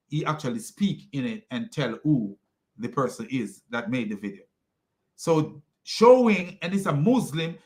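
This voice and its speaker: A slightly high, fairly bright male voice belongs to a Jamaican man ranting in an online commentary video on religion. He mocks scornfully, repeats insults, and rambles with many restarts.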